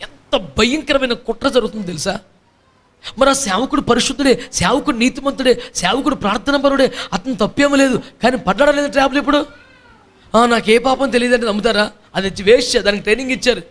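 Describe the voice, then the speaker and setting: High-voiced pastor preaching emphatically. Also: male voice, fast talker, fairly bright tone. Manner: emphatic, fires rhetorical questions at the congregation; repetitive listing, mocking asides. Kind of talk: sermon.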